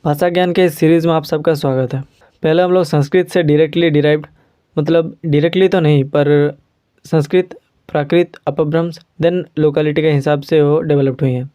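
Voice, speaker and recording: A man with an Indian accent teaching a language lesson, patiently repeating sounds slowly for learners. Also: a little high, steady tone, warm tone, smooth.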